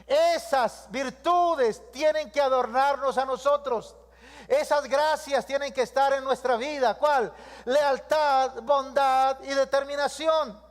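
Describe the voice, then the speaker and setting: Speaking at a measured pace, a very high-pitched male pastor delivers a sermon, stacking repeated lists and drawing the congregation into call-and-response. The setting is a church hall, and its long reverb carries through the recording.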